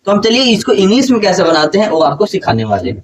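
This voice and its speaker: A man with a high voice teaches a grammar lesson in a classroom. He keeps quizzing his students and repeating the main points. He sounds somewhat distant from the mic, with faint background noise. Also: very animated, fast.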